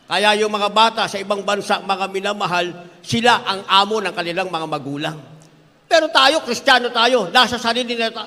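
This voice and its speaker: A man's voice: extremely high pitch, bright, forceful tone, long reverb tail. An older man preaching an emphatic sermon as pastor, repeatedly addressing the congregation as beloved and acting out other people's voices as he goes.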